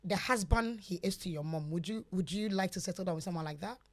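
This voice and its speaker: A woman from Ghana hosting a podcast, teasing and quick, often restarting her questions. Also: lowish voice, a little mellow. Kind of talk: casual podcast chat.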